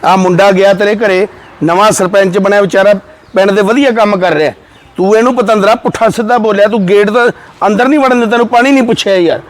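An actor playing a blunt village elder who lectures and scolds. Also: male voice, sits high, steady tone, fast, no room sound, close to an everyday voice. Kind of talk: village short film acting.

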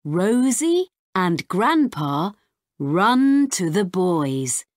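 Woman teacher, storybook read-aloud, very slow and lively, dry close mic. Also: lowish voice, dry recording. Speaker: English teacher. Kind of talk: reading a children's story aloud.

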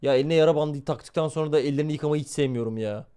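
Excitable, foul-mouthed young male streamer. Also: fairly high pitch, rapid-fire, smooth. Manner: excitable, swears constantly, talks to chat. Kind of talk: live gameplay commentary.

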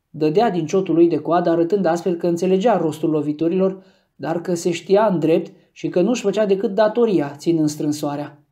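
Man narrating an audiobook, mellow tone. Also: on the high side. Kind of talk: scripted narration.

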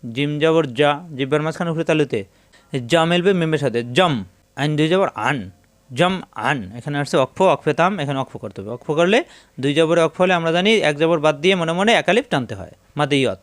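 A man with a Bangladeshi Bengali accent teaching Quran reading, spelling out each syllable patiently and chanting the words slowly. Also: fairly high pitch, no echo. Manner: slow drawn-out chanting of Arabic words between plain explanations. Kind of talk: step-by-step spelling and pronunciation lesson.

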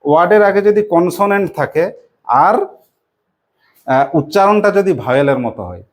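A woman teacher with a West Bengal Bengali accent leads a classroom lesson in call-and-response style. Her voice sits a little low, and she asks each question again and again, patiently coaxing her pupils to answer. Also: lively intonation, normal speed. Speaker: primary school English teacher.

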